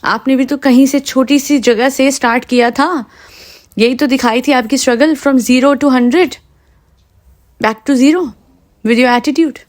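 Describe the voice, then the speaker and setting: A woman's voice: high-pitched, fairly even intonation, takes it slowly. A woman hosting a podcast, giving indignant, sarcastic commentary that switches between Hindi and English. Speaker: podcast host.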